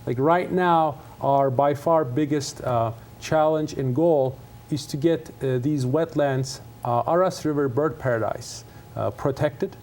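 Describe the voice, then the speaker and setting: A middle-aged man from Turkey, Turkish his first language, speaks earnestly as a guest in a TV studio interview. His voice sits a little high for a man, and he often pauses on fillers and restarts his sentences. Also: a little mellow. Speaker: guest, conservation scientist. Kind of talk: casual interview talk.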